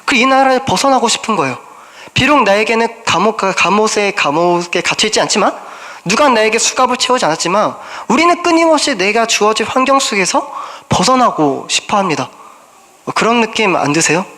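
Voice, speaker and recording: A man's voice: high voice, big pitch swings, fairly quick, bright, forceful tone. A young man from South Korea, a junior pastor preaching a sermon, who asks the congregation questions and voices prayers in the first person.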